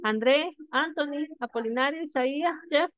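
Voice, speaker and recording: A fairly high-voiced woman teaches her class, walking through each step patiently and pausing to check that her students follow. Her voice comes through a thin, phone-like line with a dry, close sound and no room echo. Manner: patient explaining, frequent checking questions. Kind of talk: classroom lecture.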